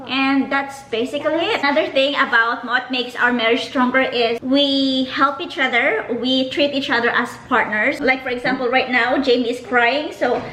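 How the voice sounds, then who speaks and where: A woman's voice: sits high, fairly even intonation, normal speed, few pauses, bright, forceful tone, echoey room, low-quality recording. A woman, hosting a casual question-and-answer chat and reading out viewer questions. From Philippines. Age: 30s. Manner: chatty, reads out viewer questions. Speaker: vlogger host.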